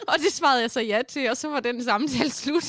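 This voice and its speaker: Higher-voiced woman telling a lively anecdote. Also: no echo. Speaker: podcast co-host. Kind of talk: casual chat.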